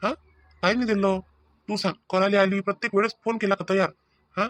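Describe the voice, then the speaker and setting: A man's voice: sits high, little pitch movement, fairly quick, a bit bright, no room sound. A man voicing an exasperated but firm village husband with a Vidarbha Marathi accent in a cartoon comedy. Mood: arguing. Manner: arguing, threatening.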